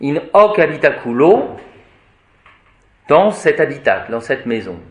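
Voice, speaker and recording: A man, a priest, teaching a grammar lesson to a class, explaining word by word in a slow, deliberate way. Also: medium pitch, big pitch swings. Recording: echoey room.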